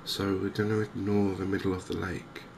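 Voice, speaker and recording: Clear ambient noise sits behind a very low, even male voice from England. He is a gaming host offering soft-spoken, cozy ASMR commentary in a gentle, unhurried way.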